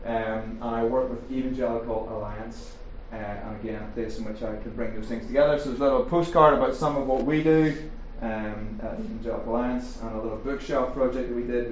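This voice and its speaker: With a Northern Irish accent and a mid-range voice of fairly even intonation, a middle-aged man addresses a live crowd at a faith and culture seminar. His delivery is fast and jokey, peppered with ums and questions for the room. The sound is roomy, distant, and dull with faint hiss, from a large echoey hall.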